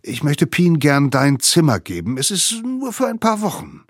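A man voicing a mother breaking news gently to her sons, coaxing and soft. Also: on the high side, huge pitch swings, normal speed, husky, dry recording, studio quality, voice pushed up, full character voice. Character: warm firm mother speaking to her sons.

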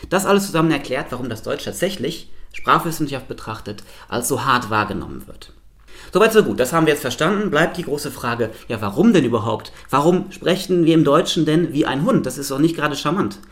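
A man, a linguist, giving a playful science slam talk with lively spoken examples. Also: fairly high pitch, brisk.

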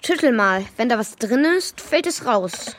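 A woman's voice: a little high, animated, measured pace, background noise. A woman playing a skeptical, practical young boy in a children's radio play, dry and questioning in manner. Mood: curious.

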